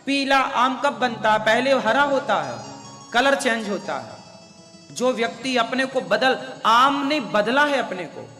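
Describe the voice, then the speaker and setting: A preacher delivering a devotional sermon in a very high, bright voice. He speaks slowly and with emphasis, often putting questions to his listeners. His voice rings through a large echoing hall with soft music behind. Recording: echoey hall with long reverb.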